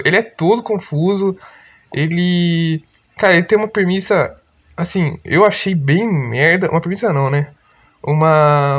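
Rambling, foul-mouthed Brazilian podcast guy. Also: a little high. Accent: Brazilian Portuguese. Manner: rambling, swears a lot, loose slang. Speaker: podcast host. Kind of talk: unscripted casual monologue.

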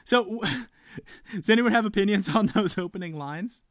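A man hosting a casual podcast panel, playful and quick to joke around. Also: sits high, a bit bright, no echo, studio quality. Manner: playful, bursts into singing. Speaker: podcast host.

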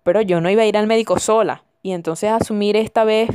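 A woman's voice: medium pitch, steady tone, fast, a little mellow, smooth, no echo, studio quality. Chatty young Venezuelan woman. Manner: chatty, repeats words for emphasis. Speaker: podcast host. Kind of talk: casual storytelling monologue.

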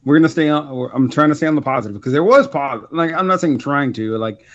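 A man co-hosting a podcast, chatting casually about a movie in a rambling way, full of fillers and quick laughs. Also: fairly high pitch, dry recording, highs cut off. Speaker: podcast co-host. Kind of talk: casual movie review chat.

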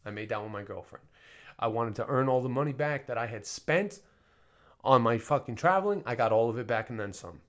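Man mumbling then bursting out loud. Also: mid-range voice, animated, a little fast. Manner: swings between soft mumbling and loud emphatic bursts; frequent swearing and filler talk. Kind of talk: casual personal monologue.

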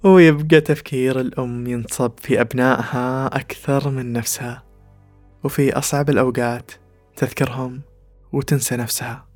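A man giving scripted podcast narration in a calm, measured delivery. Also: mid-range voice. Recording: faint music underneath.

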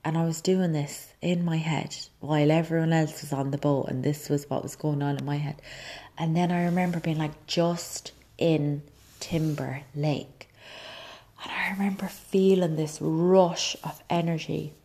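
A woman sharing a personal story about grief and signs, speaking softly and often dropping to a near-whisper, with many pauses and ums. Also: sits low, fairly even intonation.

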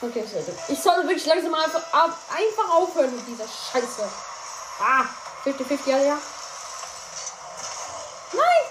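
Excitable high-voiced woman narrating gameplay. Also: normal speed, long pauses. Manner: excitable, shouts and cries out at plays, chatty asides to listeners. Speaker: gaming streamer. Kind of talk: live gameplay commentary. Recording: echoey room with background noise.

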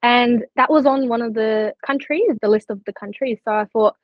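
Speaking at a normal speed with a fairly high pitch, a scholarship recipient who partly grew up in Turkey chats earnestly as a podcast guest, peppering her speech with "like" and "you know." The candid interview has a dry, slightly dull lo-fi recording.

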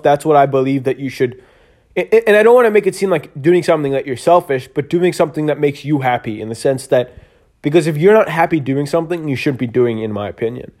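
A man talks alone into his podcast mic in a loose, earnest ramble. He restarts his sentences and leans on fillers as he works his thoughts out. He sounds tired and keeps yawning, at an ordinary middle pitch. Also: darkish tone. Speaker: podcast host. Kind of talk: casual solo podcast monologue.

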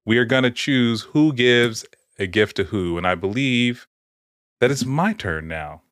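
Animated, swearing podcast host man. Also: medium pitch, a little slow, no room sound, studio quality. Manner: rambling, animated storytelling with frequent swearing. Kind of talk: casual, profane podcast banter.

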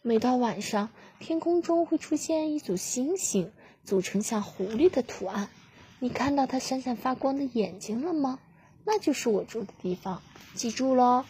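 A woman voicing a proud little green alien chick with teeth, cheerful and a bit boastful, in a breathy voice. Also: high voice, lively intonation, moderate pace, dark tone, full character voice. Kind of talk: storybook reading.

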